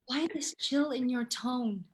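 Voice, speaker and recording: An actress playing a young princess daughter, speaking in a gentle, mournful way. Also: female voice, high-pitched, takes it slowly. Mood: anxious. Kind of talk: stage play reading.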